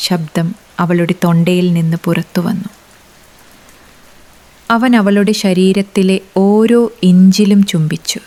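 A woman reading a romance story aloud as scripted narration, with a measured, unhurried delivery. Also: medium pitch, darkish tone.

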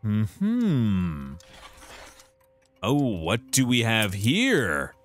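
A man's voice: lowish voice, huge pitch swings, very slow, fairly bright tone. A man streaming a detective game live, thinking aloud about clues with frequent restarts.

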